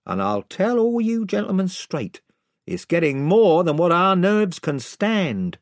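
A man's voice: sits high, big pitch swings, measured pace, no room sound, studio quality, pitched above the performer's own voice, exaggerated voice. A man voicing a bumbling, long-winded male village chief who is invisible, talking in a folksy, rambling way. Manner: rambling, folksy, comically polite threats. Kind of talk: audiobook reading.

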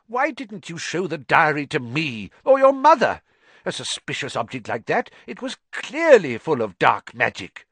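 A man's voice: on the high side, wildly swooping pitch, normal speed, fairly bright tone, husky, no room sound, pitched above the performer's own voice, heavily acted. A man voicing a flustered middle-aged father who stammers and gets exasperated.

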